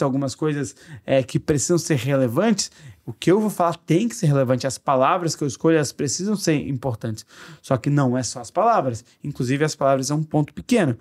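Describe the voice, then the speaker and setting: Guy cohosting a podcast, kinda high voice, explains stuff with playful little examples. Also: animated, brisk. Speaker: podcast co-host. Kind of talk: casual explanatory chat.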